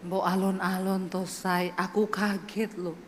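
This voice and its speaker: A woman voicing her calm, gentle Javanese husband in a low, soft and slow voice. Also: in a large hall, music in the background, lightly acted.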